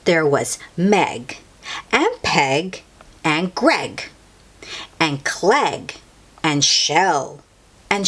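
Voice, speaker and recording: A woman with a lowish, fairly bright, slightly rough voice reads a children's picture book aloud. She performs it like a storyteller, expressive and theatrical, drawing out words for emphasis.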